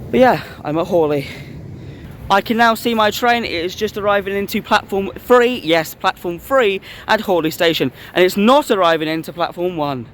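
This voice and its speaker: Speaking at a moderate pace, a man with a high, somewhat bright voice gives a relaxed explanatory vlog outside a railway station. The faint sound of trains and station ambience comes through.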